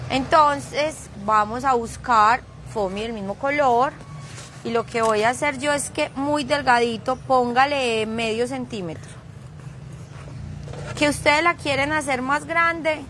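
A woman's voice: on the high side, pushed and bright, slight background noise. Fields: Sex: woman. Style: chatty live craft tutorial. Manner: chatty, teasing, adds playful sound effects. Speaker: craft instructor streaming live.

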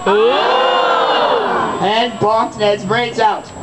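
A man's voice: high voice, fairly even intonation, very slow. A man voicing a bawdy skeleton puppet emcee, telling a comic story on an outdoor fair stage with theatrical, teasing asides. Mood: gleefully mocking. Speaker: comic storyteller directing audience volunteers. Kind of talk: bawdy live stage comedy narration. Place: outdoor fairground stage, heard from the audience. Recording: outdoor audience camcorder, crowd laughter, loud noise.

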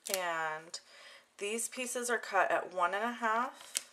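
This is a woman hosting a craft demonstration from an indoor craft desk, talking through the hands-on work casually and informally. She has a mid-range voice and speaks slowly, while clear background noise with clicking runs underneath.

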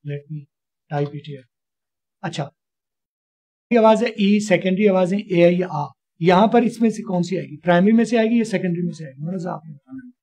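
A man's voice: high voice, normal speed, warm tone. A man from Pakistan teaching a spoken English class online, patiently quizzing a student with repeated questions.

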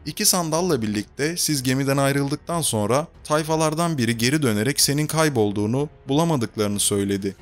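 A man reading the part of a male doctor, explaining events in a calm, steady manner. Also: medium pitch, a little fast, few pauses, soft background music, close to an everyday voice.

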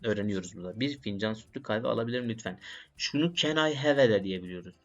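In a fast, lowish voice, a man who vlogs about learning languages works through his studies on camera, muttering short phrases over and over. Faint music sits under the dull, lo-fi sound.

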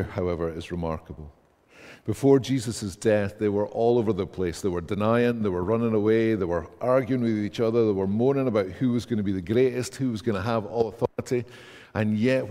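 A Scottish man in his thirties preaches a sermon in a large church, reading scripture aloud with rising emphasis. His voice is on the low side and dark, with church hall reverb around it.

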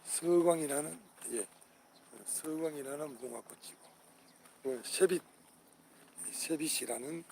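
An older man with a gravelly voice records a vlog in an outdoor park garden. He names each flower in turn, often repeating the name, and calls out to his viewers with patriotic enthusiasm. Faint crickets and insects chirp behind him. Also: on the high side, a little slow, long pauses, darkish tone, slight background noise. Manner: hearty patriotic appeals to viewers. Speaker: channel host.

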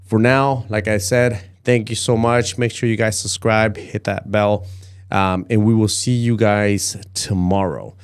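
Guy in his 40s hosting a stream, kinda low voice, chatty, says things twice. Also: steady tone, measured pace, clear, resonant tone. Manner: repeats words and phrases. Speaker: host of a livestream show. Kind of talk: casual livestream chat and sign-off. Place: acoustically padded studio, indoors. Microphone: close podcast microphone.

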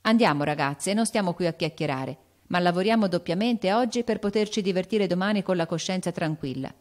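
A woman voicing a spirited, impulsive teenage girl in an audiobook, with an excited, emphatic delivery. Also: on the low side, fairly quick, close to an everyday voice. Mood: eager. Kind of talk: audiobook character voice.

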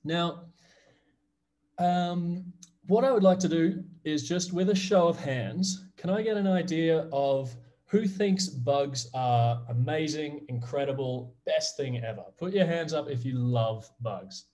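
A man's voice: on the high side, slow, warm tone. A man in his thirties from Australia with an Australian accent, giving a friendly, upbeat online class presentation to kids over a video call. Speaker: guest presenter.

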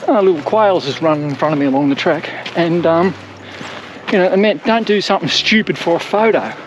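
A man's voice: on the high side, a little fast, highs cut off, a little hiss or hum. An older Australian man rambling casually as he walks a coastal trail, filmed on an action camera at arm's length outdoors. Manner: chatty, rambling, self-mocking. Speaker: hiking vlogger. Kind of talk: casual walking commentary. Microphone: action camera held at arm's length.

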